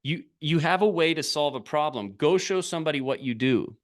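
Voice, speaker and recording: Lively intonation and a slightly high pitch mark this man's delivery as he motivates a group over a live video call. He's middle-aged, talks a little fast, and keeps his sentences blunt, short, punchy and repeated.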